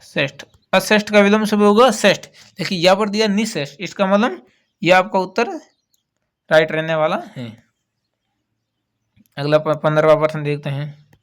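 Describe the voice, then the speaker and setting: A man's voice: high voice, moderate pace, pauses often, fairly bright tone. A man teaching and walking through exam questions one by one, patiently repeating the key words as he explains. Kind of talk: exam answer walkthrough.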